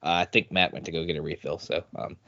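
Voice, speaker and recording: A man's voice: extremely low pitch, fairly even intonation, fast, creaky, bright, forceful tone, no room sound, highs cut off. A man hosting a casual podcast chat, joking, laughing and asking the others for ratings. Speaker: podcast host. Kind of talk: casual chat over a live watch-along.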